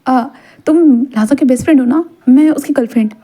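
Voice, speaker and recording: A woman's voice: sits high, a little fast, mellow. A woman voicing a chatty young woman on a phone call, breezy with hesitant fillers.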